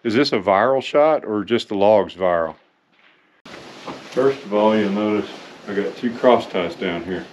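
A man's voice: on the low side, a little slow, lo-fi sound, a little hiss or hum. An older man with a Southern US accent, a sawmill owner narrating his work video in a wry, grumbling, folksy way.

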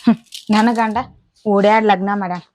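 A woman's voice: medium pitch, fairly even intonation, moderate pace, very noisy, lightly acted. An actress playing a village woman who gives advice and scolds, speaking with a North Karnataka accent. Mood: chiding. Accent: North Karnataka Kannada. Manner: advising, scolding.

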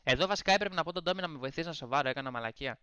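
A young man, talking casually on his stream. His voice is high and very bright. He swears a lot and tells rowdy, animated stories. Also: clean tone, no room sound, dull audio. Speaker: streamer reacting to his team's match.

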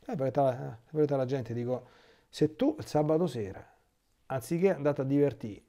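Warm-voiced Italian priest giving catechesis. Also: male voice, medium pitch, moderate pace. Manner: reads a text aloud, breaking off into lively spontaneous asides. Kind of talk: catechesis talk.

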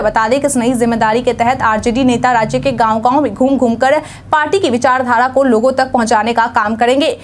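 A young woman anchoring a regional news bulletin, reading the news in a formal, even newsreader delivery from a studio desk. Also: high voice. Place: studio news set, indoors.

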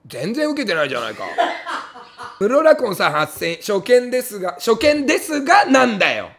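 A man comedian reading viewer comments on a livestream and firing back each one with angry comic retorts, often breaking into loud laughs. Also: big pitch swings, fairly quick, vocal fry. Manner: bursts into loud high laughs. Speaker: comedian streamer.

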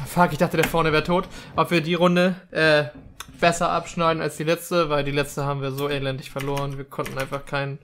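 A man's voice: a little high, level tone, brisk, a bit bright, slight background noise. A young man gives chatty, slangy let's-play commentary, rambling casually with English gamer words mixed in. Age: young adult. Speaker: gaming video host.

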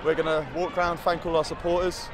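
A man, a rugby team captain, speaking plainly and quickly about a loss in a post-match interview outdoors. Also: on the high side, flat delivery. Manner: rapid, plainspoken, accepting defeat. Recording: loud crowd and outdoor noise.

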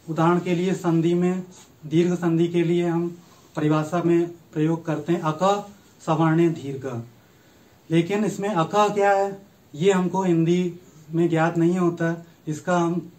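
A man giving a recorded university lecture on grammar, reciting letters and rules one by one in a slow, methodical way. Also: on the high side, a little mellow, low-quality recording. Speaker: Sanskrit lecturer.

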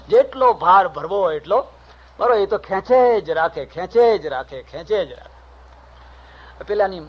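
A man, a swami, giving a humorous spiritual discourse in a lively storytelling manner on a dull lo-fi cassette recording. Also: high voice, breathy edge. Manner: lively storytelling, acts out characters' voices.

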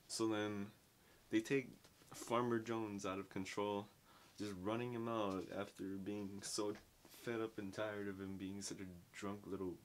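Young male book reviewer, deep voice, slangy and rambling, casual at-home delivery. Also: slight background noise. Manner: rambling, slangy, filler-heavy with lots of "like". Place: small dim bedroom at home.

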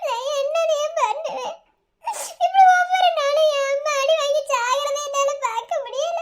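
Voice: very high-pitched, moderate pace, fairly bright tone. A performer voicing a sad, bitter young woman in a cartoon, sulky and weepy, with a Madurai accent. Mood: weeping. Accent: Madurai Tamil. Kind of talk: cartoon voice acting.

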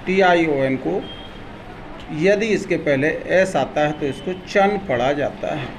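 A man teaching English pronunciation, who spells each word out letter by letter in an Indian accent and then says it in slow, deliberate dictation. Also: fairly high pitch, slight background noise, rough recording. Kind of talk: spelling out words letter by letter, then pronouncing them.

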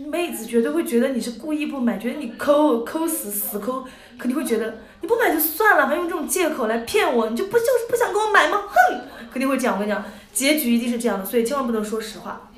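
A young woman in her twenties spins a funny story for her audience, animated and quick to giggle. She slips into playful voices whenever she quotes someone. Her voice sits a little high and rings in an echoey room. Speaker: idol group member. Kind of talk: casual storytelling to a livestream audience.

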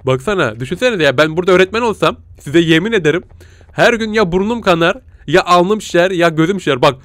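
A man giving joking, excitable let's-play commentary, bursting into laughs and silly noises. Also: high voice, fast, no room sound. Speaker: gaming YouTuber.

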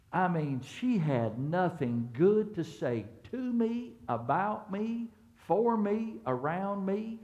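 A middle-aged male pastor giving a conversational sermon in a church, shifting between hushed storytelling and loud emphatic peaks. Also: medium pitch, highs cut off. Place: church sanctuary.

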